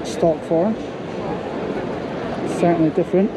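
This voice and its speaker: A man's voice: on the high side, slow pace. A man vlogging a car show walkaround, pointing out details in short clipped remarks as he moves through a busy exhibition hall. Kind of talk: walkaround commentary. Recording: loud show-floor background noise.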